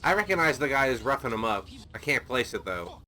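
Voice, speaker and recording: Bright-voiced guy reacting to a TV show. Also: medium pitch, sing-song, fairly quick, soft background music. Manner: swearing, laughing, chatty asides. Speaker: reaction video host. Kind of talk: casual reaction commentary.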